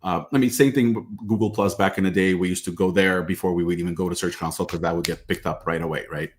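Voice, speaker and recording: Very deep-voiced man hosting a chat. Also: steady tone, quick pace, a little hiss or hum. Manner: filler-heavy, agreeable, recaps the guest's points. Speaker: podcast host. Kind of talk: casual interview chat.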